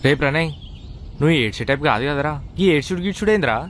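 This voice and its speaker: Fast-talking, pushy young man. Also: fairly high pitch, expressive, slight background noise. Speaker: friend in a comedy sketch. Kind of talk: scripted comedy sketch.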